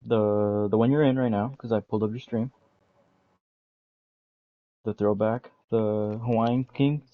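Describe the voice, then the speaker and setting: A man with a fairly low voice rambles casually with his racing teammates, often restarting his sentences. His voice comes through a dull, muffled chat line. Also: fairly even intonation, unhurried, long pauses, no echo.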